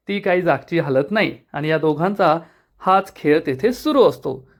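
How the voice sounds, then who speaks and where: A man with a high voice retells a TV serial episode scene by scene. He keeps a steady storytelling manner throughout the recap.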